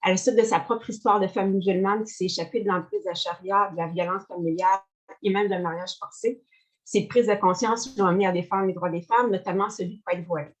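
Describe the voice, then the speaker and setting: A woman hosting a webinar, giving a measured, scripted introduction of her guest. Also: mid-range voice, fairly even intonation, low-quality recording. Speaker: webinar host.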